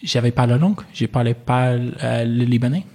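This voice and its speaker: Speaking French as a learner, this English interviewee in his twenties has a mid-range, darkish voice at a moderate pace. The chat is casual, and his English accent comes through as he hesitates, leaning on fillers and saying "yes" over and over.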